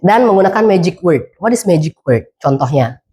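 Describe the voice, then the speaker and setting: Lively Indonesian woman lecturer. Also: lowish voice, moderate pace. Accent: Balinese Indonesian. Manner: lively, demonstrative, asks the class questions. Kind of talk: classroom lecture mixing English phrases.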